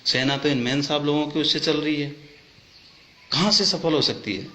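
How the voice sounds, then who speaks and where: A man who is an army soldier, making an impassioned complaint, full of indignant rhetorical questions and rising almost to shouts. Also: a little high, moderate pace. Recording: echoey, dull, faint background hum.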